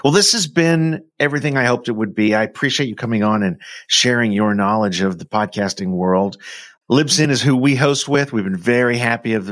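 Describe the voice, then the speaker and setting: A man's voice: mid-range voice, fairly bright tone, no echo. A man hosting a podcast interview, enthusiastic and casual, with frequent ums and uhs. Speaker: podcast host.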